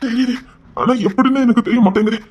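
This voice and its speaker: A man's voice: very high-pitched, fairly even intonation, fast, husky. A man voicing a fond, protective father who is troubled by headaches and lost memories. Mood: tender protective. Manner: fond and protective, speaking with strain. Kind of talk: Tamil audio drama acting.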